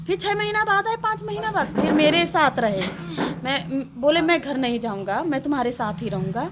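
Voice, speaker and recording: A woman's voice: sits high, expressive, moderate pace, very noisy. A woman, interviewed and recounting a personal story in a rambling way, quoting what others said. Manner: rambling, quotes others' words.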